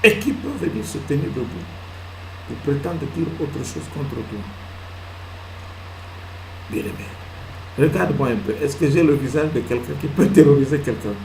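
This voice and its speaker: A male pastor preaching a sermon, swinging from loud emphatic peaks to hushed asides and answering his own questions. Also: mid-range voice, normal speed, creaky, pauses often, slight background noise. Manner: asks the congregation questions and answers them himself. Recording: echoey hall with faint ambience.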